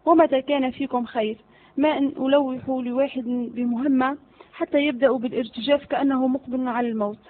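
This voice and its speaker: A short-tempered, menacing vizier, as a woman reads him in a spoken storybook. The voice sits high, and the sound is thin and narrow, as if over a phone line. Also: fairly even intonation, fast talker, a little hiss or hum, natural voice. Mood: impatient. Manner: impatient, menacing. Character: irritable threatening male vizier, older.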